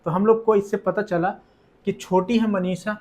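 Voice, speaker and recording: A young man teaching school maths for exams in a quick, chatty way, repeating each step. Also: sits high, steady tone, a little mellow. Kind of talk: exam-prep maths lesson.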